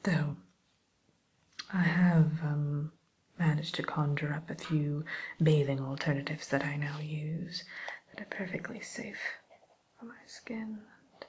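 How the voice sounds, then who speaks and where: Casting: woman to play sly, genteel witch tutor for ASMR roleplay; low soft whisper, slow hesitant delivery, vain and politely condescending. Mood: sly, advising. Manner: unhurried, hesitant, politely condescending, addresses listener as pupil.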